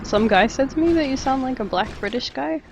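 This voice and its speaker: Brisk and animated, an Australian man with an extremely high, gravelly voice streams a game, reading viewers' chat and making dry, wry comments as he plays. The background is noisy, with game music underneath.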